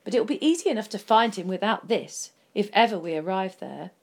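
A woman voicing a calm, practical male dwarf in a storybook reading, speaking in a matter-of-fact way. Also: medium pitch, fairly quick.

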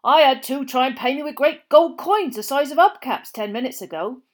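A woman voicing a gruff, suspicious man who runs a campsite, blunt and plain-spoken, louder than her narration. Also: fairly high pitch, animated, a little slow, heavily acted.

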